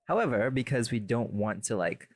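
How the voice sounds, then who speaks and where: Expressive and at a moderate pace, a male podcast host with a mid-range voice banters casually, rambling, correcting himself and drifting into playful mock-formal introductions. The recording is dry and studio quality.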